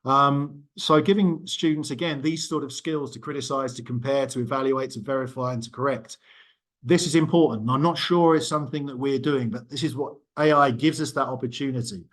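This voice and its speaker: Here a mid-range, fairly bright voice moves along at a fairly quick clip. The speaker, a middle-aged university lecturer, is leading a relaxed small group discussion, talking loosely with frequent ums and self-corrections.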